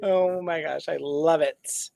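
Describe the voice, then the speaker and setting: A woman's voice: low voice, steady tone, slow pace, creaky, mellow, rough recording. A woman hosting a livestreamed theater cabaret, chatting in a bubbly way and reading out viewer comments. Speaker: host of a livestreamed cabaret show. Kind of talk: casual live-stream chat.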